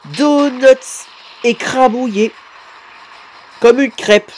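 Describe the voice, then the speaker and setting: A man commenting live on videos his subscribers made, excitable and quick to exclaim and swear. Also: very high-pitched, a little hiss or hum. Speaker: YouTuber reacting to fan animations.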